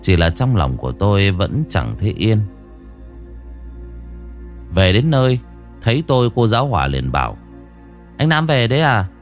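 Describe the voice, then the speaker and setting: A man telling a first-person ghost story in an expressive, dramatic way. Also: deep voice, normal speed, long pauses, faint music behind.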